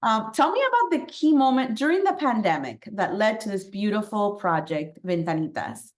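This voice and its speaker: Upbeat host in a roomy space. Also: female voice, medium pitch, big pitch swings, moderate pace. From Miami, Florida. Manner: upbeat, laughs often, drops Spanish words. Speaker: podcast host. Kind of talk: casual interview. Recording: roomy echo.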